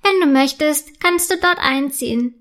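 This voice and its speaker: A woman voicing a tiny, eager mermaid child with a high, squeaky voice in a storybook reading. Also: moderate pace, a bit bright. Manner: eager and friendly.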